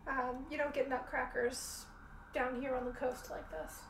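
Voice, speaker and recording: Woman tabletop player, high voice, conversational, away from the mic. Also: little pitch movement, unhurried. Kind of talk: casual game chat. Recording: echoey room, distant mic, faint noise.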